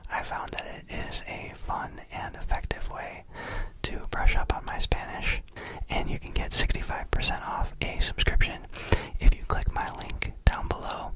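Whispering man doing an ASMR ad read. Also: rough recording. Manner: casual, playful. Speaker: sponsored ad reader. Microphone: close studio microphone on a desk.

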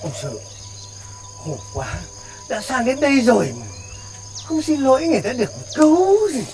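An actor playing a boastful, newly rich village man who talks loudly and bossily. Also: extremely high pitch, huge pitch swings, moderate pace, a little hiss or hum, full character voice. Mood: stern. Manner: bragging, loud, bossy. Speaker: comic actor.

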